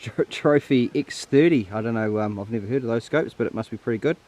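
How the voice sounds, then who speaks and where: Mellow laid-back bloke, broad Kiwi accent. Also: male voice, fairly low pitch, rapid-fire. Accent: broad New Zealand. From New Zealand. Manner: laid-back, matey slang. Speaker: hunting guide and vlog host. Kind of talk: casual outdoor vlog talk. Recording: faint outdoor background noise.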